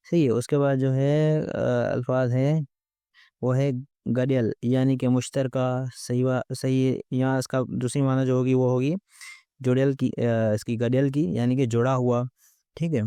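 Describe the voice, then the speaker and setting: A man teaching a vocabulary lesson, explaining word meanings one by one with steady repeated phrasing. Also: medium pitch, clear, resonant tone, no echo.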